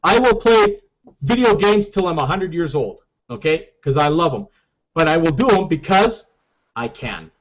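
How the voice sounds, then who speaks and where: A man's voice: fairly high pitch, big pitch swings, normal speed. A man leading a casual group call as a marketing team leader, emphatic and repeating "okay?" often, over dull lo-fi call audio.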